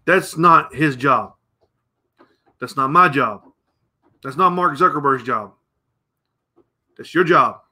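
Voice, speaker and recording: Profane, bright-voiced ranting man. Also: medium pitch, slow, pauses often. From United States. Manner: profane, blunt, rambling. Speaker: podcast host. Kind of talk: opinionated rant.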